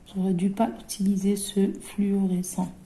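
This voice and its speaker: Slow, patient woman teaching young children. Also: medium pitch, monotone. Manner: patient, repeats each word and often trails off to a hush. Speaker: primary school teacher. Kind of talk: recorded classroom lesson for children.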